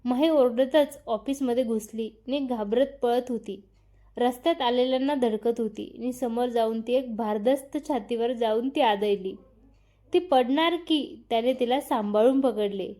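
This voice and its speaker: A woman's voice: fairly high pitch, measured pace, dark tone. A woman reading a story aloud, doing every part herself and naming each speaker after their line. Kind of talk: scripted story narration.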